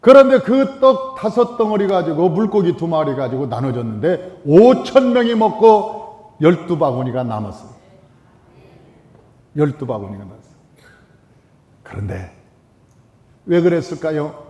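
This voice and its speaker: A man preaches a sermon from the pulpit of a church sanctuary, pressing his points with repetition and sudden swings between loud and hushed lines. His voice sits high for a man. A long reverb from the hall trails after every phrase. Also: big pitch swings, a little slow, pauses often. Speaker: pastor.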